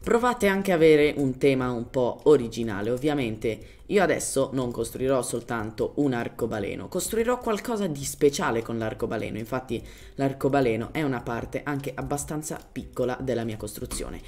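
A medium-pitched, slightly mellow male voice, animated and at normal speed, delivers casual game tutorial commentary. The speaker, a gaming tutorial host, comes from Germany and speaks German natively. He talks informally, fishing for Italian words and mixing in English terms.

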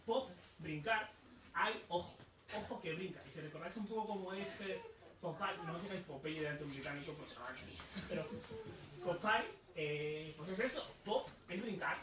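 A man presenting his book at a live bookshop talk, explaining slowly, repeating words and asking the audience questions. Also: sits high, noisy background. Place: bookshop event room. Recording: echoey room, voice from far off.

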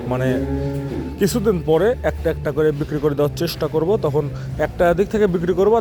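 A man running a casual tour of his dairy farm for his channel, chatty with fillers and restarts, filmed in the cowshed. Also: on the high side. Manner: speaks quietly near a cow being milked.

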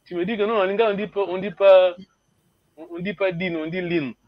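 A man teaches a class in a high voice, stopping and restarting as he explains, often repeating words and giving small laughs. The recording is dull and lo-fi. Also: fairly even intonation, fast. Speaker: language teacher.

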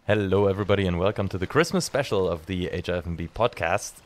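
A man hosting a podcast, giving a relaxed introduction with a few ums. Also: deep voice, quick pace, heavy background noise. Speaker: podcast host. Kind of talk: casual introduction.

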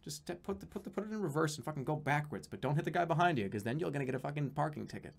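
Racing along with a voice on the high side and some vocal fry, a man in his thirties chats casually on a live stream from a small home room, with a little hiss or hum audible. He reads out donations, rambles, curses, and at times yells excitedly.

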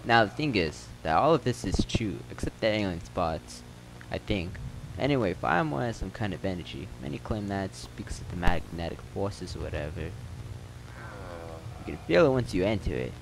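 A man's voice: sits low, lively intonation, moderate pace, creaky. A man putting on an accented, gossipy motel worker. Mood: spinning tales. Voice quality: put-on accent. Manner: rambling, joking storytelling. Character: male motel worker, gossipy small-town storyteller. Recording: loud game noise behind.

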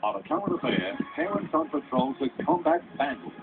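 A man delivers dramatic TV promo voice-over with hugely animated pitch and a gravelly edge. The sound is tinny, re-recorded off a television, under loud music. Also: brisk, very noisy.

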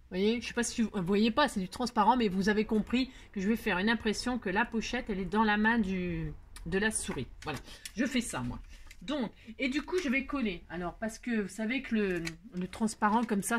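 A woman's voice: medium pitch, a little hiss or hum. A woman hosting a casual scrapbooking tutorial at home, chatting to viewers in a rambling, self-mocking way as she works. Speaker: craft tutorial host.

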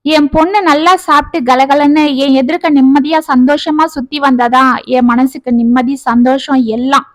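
A woman voicing a stubborn middle-aged father who is fond of drink, speaking gruffly in a storybook tale. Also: high-pitched, no echo, lightly acted.

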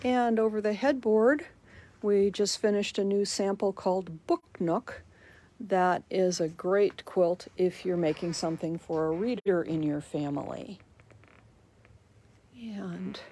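A woman's voice: fairly low pitch, darkish tone. A woman giving a chatty walking tour of a large quilt shop, recorded on a handheld phone. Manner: slow, chatty, promotional.

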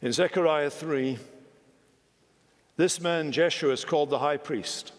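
A senior minister in his sixties preaches a sermon from the pulpit of a large, wood-panelled church, his delivery emphatic and measured with wide swings in pitch. He speaks into a pulpit microphone, and the hall adds a long reverb.

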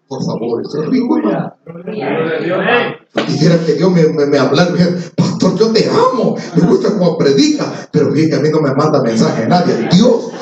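A male pastor preaching a sermon in an animated way, calling his listeners "brother" again and again. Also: a little high. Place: church service before a congregation. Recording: echoey church hall, mic far off, dull lo-fi sound, congregation audible.

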